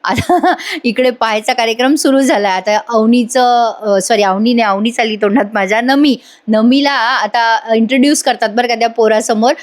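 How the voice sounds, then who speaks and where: A woman's voice: fairly high pitch, normal speed. A woman host giving a chatty voice-over recap of a TV serial, speaking straight to her viewers.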